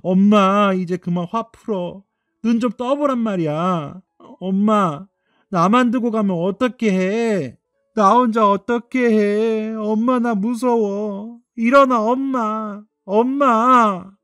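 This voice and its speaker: A high, strained young boy's voice, tearful and pleading, stretching out his cries, as a man puts him on. The sound is dry and close, with soft music underneath. It is radio drama acting. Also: animated, moderate pace, no room sound. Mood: pleading, sobbing. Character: upset ten-year-old boy, sulky then desperate.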